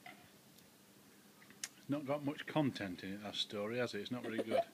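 A man's voice: on the low side, measured pace. A man filming his children at home by a garden barbecue, teasing them and mock-scolding their messy eating. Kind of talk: home video banter. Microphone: handheld camera. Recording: noisy home camera recording.

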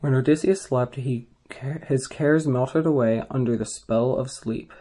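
A man's voice: medium pitch, warm tone. A man reading an ancient epic poem aloud in an unpolished way, often stumbling and correcting himself mid-phrase. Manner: halting, with frequent restarts and self-corrections. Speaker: reader.

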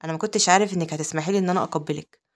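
A woman's voice: low-pitched, fairly even intonation, very fast, natural voice. A woman with an Egyptian accent voicing a teasing, possessive young nobleman in a recap story. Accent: Egyptian Arabic.

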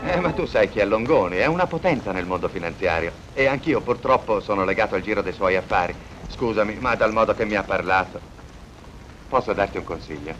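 A man's voice: fairly low pitch, animated, fairly quick, a bit bright. An actor playing a worried businessman in a 1940s film, talking in an earnest, confiding way. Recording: dull soundtrack with music.

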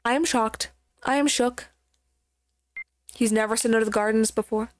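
A woman chatting through a dating game in casual let's-play commentary, excitable and crude, with playful swearing. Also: on the high side, normal speed, slight background noise. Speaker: streamer playing a dating game. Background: game music.

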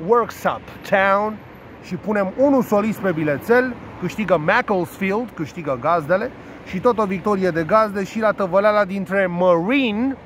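A man's voice: high-pitched, slight background noise. A man casually talking through the day's sports betting tips outdoors, joking crudely and playfully mangling foreign team names. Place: outdoors, caught in rain.

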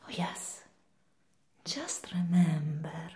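A woman acts out a seductive she-devil in a whispered role-play. The demonic whisper is very slow, soft and dark, low-pitched and breathy. She coaxes and teases like a temptress luring a human. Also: lively intonation, full character voice. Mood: seductive coaxing.

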